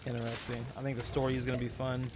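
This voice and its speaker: A man in his twenties hosting a casual gaming podcast while streaming, animated and laughing, swinging between loud exclamations and quiet asides. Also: medium pitch, very fast. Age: 20s. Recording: noisy game audio behind.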